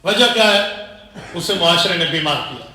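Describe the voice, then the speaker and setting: A man's voice: on the high side, animated, sharp tone, roomy sound. A man delivering a sermon-style lecture as a religious teacher, asking rhetorical questions and repeating phrases for emphasis. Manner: acts out dialogue while telling stories.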